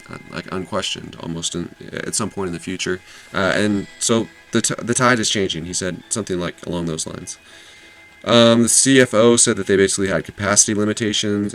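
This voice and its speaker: A man with a low-sitting voice hosts an investing channel, casually summarizing an earnings call with plenty of fillers and self-corrections.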